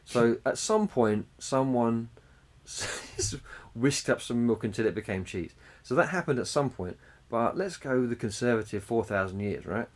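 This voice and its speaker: A man's voice: mid-range voice, unhurried. Sweary, chatty man. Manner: swears freely, chuckles, animated retelling. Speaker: podcast co-host. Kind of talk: casual chat.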